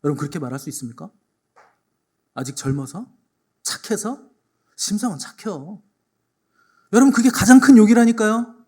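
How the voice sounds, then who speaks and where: A man's voice: high-pitched, big pitch swings, quick pace, a little mellow. A man preaching a Sunday sermon to his congregation in a church. He repeats key phrases for emphasis and tells jokes. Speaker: pastor.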